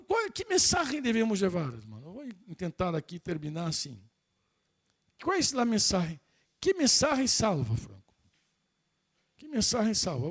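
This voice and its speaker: High-voiced man preaching a sermon. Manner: mixes Portuguese and Spanish, emphatic repetitions.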